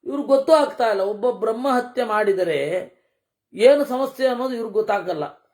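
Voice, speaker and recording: A speaker giving a scripture discourse, chanting verses slowly and evenly, then explaining them in casual everyday speech with rhetorical questions. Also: medium pitch, expressive, darkish tone. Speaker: Purana expounder.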